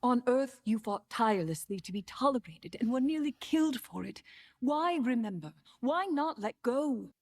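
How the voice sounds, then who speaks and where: Regal, high-voiced empress. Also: female voice, very animated, moderate pace. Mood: pleading. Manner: earnest, regal, dramatic. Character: proud, passionate alien empress in love. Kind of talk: animated series voice acting.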